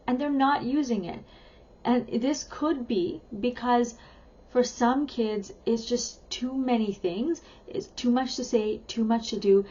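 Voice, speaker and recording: A woman's voice: medium pitch, warm tone, muffled recording. A woman who is a parenting educator, talking in a chatty, upbeat way and stressing key words as she teaches. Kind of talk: talking-head teaching video.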